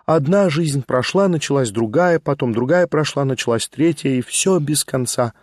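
An impulsive young woman, quick to blush and eager to talk, as a male reader puts her on for an audiobook. Her voice sits noticeably higher and keeps tumbling into excited exclamations. The recording is dry and close. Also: dry recording, natural voice. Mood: wistful. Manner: excited, rushing, emotional exclamations. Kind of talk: audiobook character voice.

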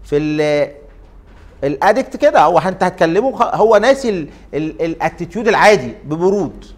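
A man with an Egyptian Arabic accent lectures to a class in a fairly high voice. He keeps tossing questions to the students and drags out his fillers while he thinks. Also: expressive, brisk. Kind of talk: interactive lecture.

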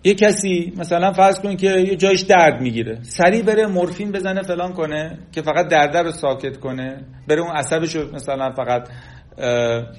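Male lecturer, fairly high voice, animated delivery, plays out quoted lines. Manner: animated, acts out quoted speech.

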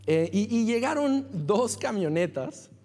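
A man delivers a Sunday sermon, his voice sitting high for a man. He tells stories animatedly and laughs along the way. The sound rings with the long echo of a church hall. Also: sing-song, unhurried, creaky, darkish tone. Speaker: pastor. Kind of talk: sermon with a personal story. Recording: reverberant hall.

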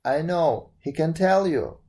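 A very old man in a storybook, answering plainly and matter-of-factly in the reader's voice. The tone is mellow and warm. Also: medium pitch, lively intonation, a little slow. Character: very old man, the first one's father.

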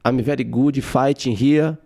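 A man with a Brazilian Portuguese accent, doing a boastful male fighter who speaks slow, halting, repetitive broken English. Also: medium pitch, fairly even intonation, vocal fry, warm tone.

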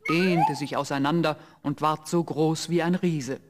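Man, narrator, scripted fairy tale, even storytelling, somewhat high pitch. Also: a little slow, background noise.

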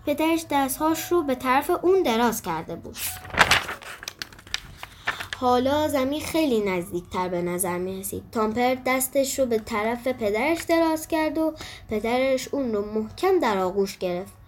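A woman acting as storyteller, reading a children's story aloud in an expressive, even way. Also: high voice, a little hiss or hum.

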